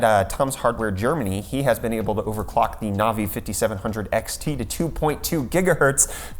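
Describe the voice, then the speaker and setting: Sarcastic man hosting tech news. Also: medium pitch. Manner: sarcastic, jokey segues. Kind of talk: casual tech news rundown.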